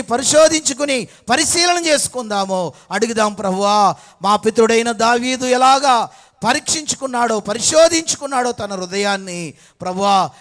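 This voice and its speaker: A man preaching a sermon, emphatic and repetitive, calling out questions to the congregation and swinging between loud fervent lines and quiet asides. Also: very high voice. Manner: emphatic preaching with repeated call-and-response questions.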